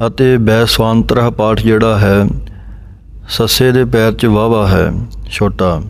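A man leads a recitation lesson, chanting each verse slowly and then breaking it down letter by letter. His voice sits low and stays level, with little rise or fall. He speaks in a smooth, clear tone throughout. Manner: slow measured chanting of verses, then spelling out letters and pauses. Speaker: scripture recitation teacher. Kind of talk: recitation lesson on Sikh scripture pronunciation.

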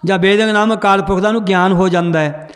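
A man's voice: high voice, steady tone, quick pace, big-room sound. A man teaching a group how to read and understand scripture, quizzing the class and then answering himself. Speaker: Gurbani grammar teacher.

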